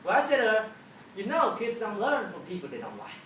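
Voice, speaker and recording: A woman's voice: mid-range voice, very animated, a little fast, fairly bright tone. A mature woman speaking as a teacher in a motivational talk, telling stories emphatically and acting out dialogue. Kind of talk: motivational talk to a live audience. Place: large auditorium with an audience. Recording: echoey hall, distant, noisy.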